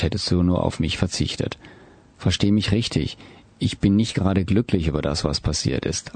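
A caring, soft-spoken man of about thirty, voiced by a male reader in an audiobook. His low voice stays calm and soothing throughout. It carries a husky grain and sits dry and close to the mic. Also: no room sound. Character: gentle, caring man around thirty, the older partner.

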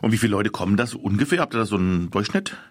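A man's voice: fairly low pitch, animated, racing, no room sound, clean studio sound. A man hosting a radio show, reading a prepared introduction and then interviewing a guest with short questions.

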